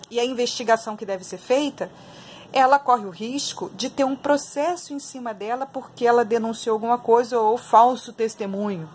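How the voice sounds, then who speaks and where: Opinionated and emphatic, this online political commentator talks to her viewers in a relaxed spoken style, repeating phrases to stress her points. She's a Brazilian woman with a Brazilian Portuguese accent and a voice on the high side, and the audio carries a slight hiss or hum.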